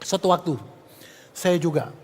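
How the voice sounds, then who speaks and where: A man's voice: a little high, measured pace. A man preaching a sermon, animatedly telling stories and acting out conversations to the congregation. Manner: animated storytelling, acting out dialogue, addressing congregation. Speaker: evangelist preacher. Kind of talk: sermon with acted anecdotes. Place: church. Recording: echoey church hall.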